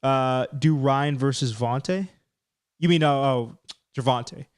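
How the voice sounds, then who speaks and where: A man's voice: mid-range voice, a little slow, clean tone. A man hosting a live stream, chatting casually and rambling as he breaks down fights. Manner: chatty, rambling, self-deprecating.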